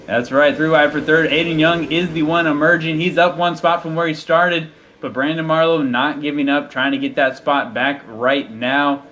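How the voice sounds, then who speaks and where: A man's voice: a little high, fairly even intonation, normal speed, hardly any pauses, sharp tone. A man giving live motorsport commentary in an informal, chatty, conversational way.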